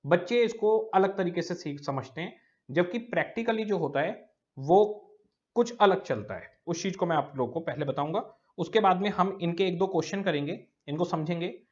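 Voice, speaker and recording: A man's voice: high-pitched, moderate pace, lo-fi sound. A male teacher giving a recorded lecture. He explains step by step, repeating key words and often checking that students follow.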